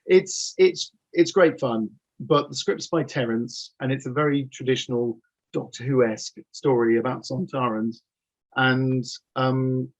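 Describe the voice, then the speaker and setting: A man in his fifties, an audio drama producer, is an interview guest telling anecdotes casually and enthusiastically from his home office. His medium-pitched, slightly mellow voice comes through a computer mic on a video call, sounding dull and lo-fi.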